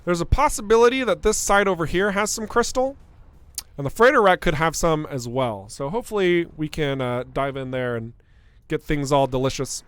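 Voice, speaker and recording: A man's voice: on the high side, normal speed, a bit bright, clear, resonant tone, no room sound. A young man, a game developer, giving playful live-stream commentary while playing, chatting with viewers and laughing often.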